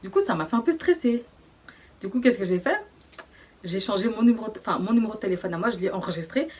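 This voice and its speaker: A young woman telling a personal story in a casual, slangy way, often hushed, with many fillers. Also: medium pitch, expressive, fast, breathy edge. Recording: voice distant from the mic.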